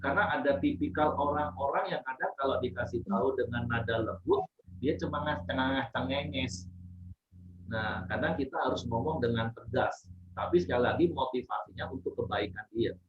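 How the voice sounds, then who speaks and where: A man preaching in a relaxed, conversational way, going over his points again and again for the congregation. His voice sits in a middle range. The sound is muffled and a little far from the mic. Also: mid-range voice, moderate pace, reverberant. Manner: plain, repetitive teaching, addresses listeners as Bapak Ibu. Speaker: pastor leading a devotional. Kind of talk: casual sermon to a congregation.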